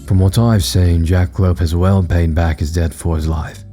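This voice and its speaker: A man voicing a composed, intimidating king in a horror story reading, formal and measured. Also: low voice, steady tone, mellow, soft background music, natural voice.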